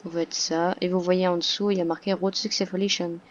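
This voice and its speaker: A woman's voice: fairly low pitch, level tone, fairly quick, lo-fi sound, a little hiss or hum. A woman talking through a game tutorial in a casual voice-over, hesitant, with many fillers and restarts. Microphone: computer microphone.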